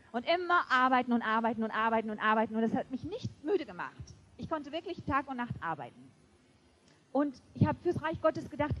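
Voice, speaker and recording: A woman preaching a sermon to a congregation, emphatic and lively, often laughing. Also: fairly high pitch, lo-fi sound, slight background noise. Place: church before a congregation.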